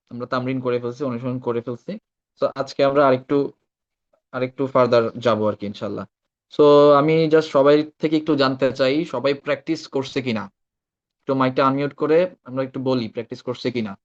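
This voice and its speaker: A man's voice: mid-range voice, lo-fi sound. A man teaching Arabic pronunciation in an online class, patient and often checking that students follow. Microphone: video call.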